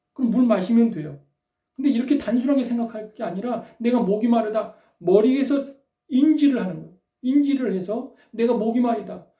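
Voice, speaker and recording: Woman preacher, mellow tone, rhetorical and prodding, roomy church sound off-mic. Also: a little high. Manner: rhetorical, prodding listeners with tag questions. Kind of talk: sermon. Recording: roomy echo, distant from the mic.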